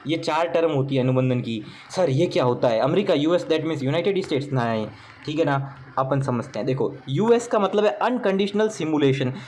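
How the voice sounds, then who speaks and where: A male tutor with a high-pitched voice works through exam questions with his students. He jokes along the way and keeps checking they follow. A faint hiss of noise sits under the recording. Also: lively intonation, moderate pace, a little mellow. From Rajasthan, India. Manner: chatty, joking asides, repeats "theek hai na". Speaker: exam coaching teacher. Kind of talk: recorded exam paper walkthrough.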